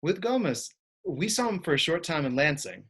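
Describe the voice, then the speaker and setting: A man interviewing a guest for a baseball team, asking clear, upbeat questions. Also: fairly high pitch, big pitch swings, normal speed, fairly bright tone.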